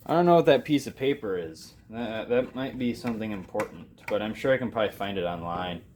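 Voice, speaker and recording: Amid a noisy background, a man with a lowish voice speaks briskly and expressively. He's the host of an electronics repair vlog, offering rambling, self-deprecating, unscripted hands-on commentary from his basement workspace.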